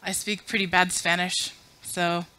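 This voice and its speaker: Her voice sits on the low side, with flat delivery, a measured pace and a bright, forceful, clean tone, though the audio is poor. She is a woman in her thirties from Afghanistan at a podium mic, giving a chatty, self-deprecating conference talk and polling a crowded room.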